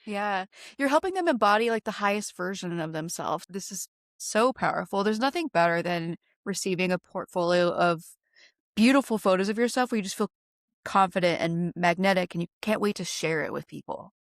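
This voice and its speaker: A woman's voice: lowish voice, lively intonation, brisk, no room sound. Empathetic woman host, dry close sound. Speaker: podcast host. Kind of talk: casual interview chat.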